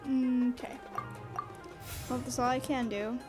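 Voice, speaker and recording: High-voiced woman streaming a game. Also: fairly even intonation, unhurried. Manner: informal, sweary. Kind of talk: casual gameplay commentary. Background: game music.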